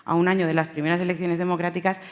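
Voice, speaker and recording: A woman's voice: fairly low pitch, little pitch movement, rapid-fire. A woman bookseller speaking on a panel, hesitant, with many fillers and restarts. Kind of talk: panel talk. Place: event hall.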